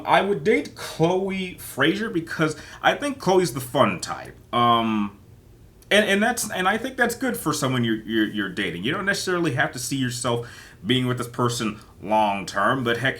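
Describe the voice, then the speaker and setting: A man's voice: fairly low pitch, sharp tone. A man hosting a casual solo chat as he plays kiss-marry-kill, rambling and hesitant and often repeating his words. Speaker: host.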